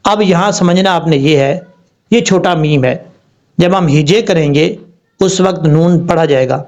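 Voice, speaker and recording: Male tajweed teacher, slightly high voice, patient step-by-step delivery, dull lo-fi recording. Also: a little mellow. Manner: patient, step-by-step explanation with slow spelled-out recitation. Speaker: Quran recitation teacher. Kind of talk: tajweed lesson. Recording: dull lo-fi sound.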